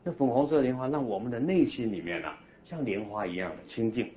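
A man, a Buddhist monk, teaching a class in an animated, coaxing way and leading the group in slow chanting. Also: mid-range voice. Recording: dull lo-fi recording with faint hiss.

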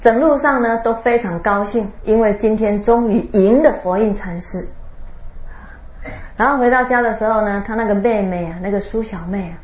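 A woman's voice: mid-range voice, a little mellow. Woman telling a Zen story in a dull, echoey room. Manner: storytelling with many drawn-out particles and laughs. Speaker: Buddhist teacher. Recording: roomy, dull lo-fi recording.

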